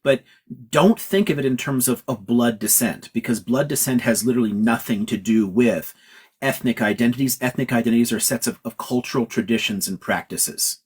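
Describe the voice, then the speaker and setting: In a lecture-like livestream chat, a Californian professor takes questions, driving his points home with emphasis and casual cursing. He speaks at a normal pace in a mid-range, slightly rough male voice.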